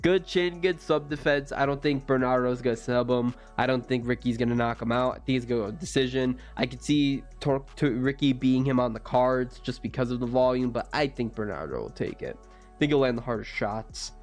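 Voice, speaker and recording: A man's voice: mid-range voice, a little fast, faint music behind. A young man in his twenties, rambling through casual fight predictions with lots of self-corrections. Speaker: MMA fight previewer.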